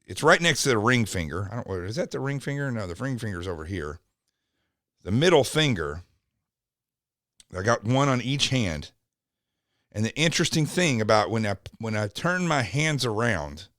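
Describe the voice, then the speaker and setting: A man's voice: mid-range voice, fairly bright tone, no echo, clean studio sound. A man hosting a podcast, talking in an indignant, mocking, rambling way about a news clip. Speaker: podcast host. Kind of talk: opinionated commentary.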